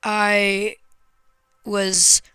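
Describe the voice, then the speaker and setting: A woman vlogger telling a painful personal story to camera, frank and raw, with hesitant pauses and swearing when upset. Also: mid-range voice, monotone, sharp tone, smooth, no room sound, faint music behind.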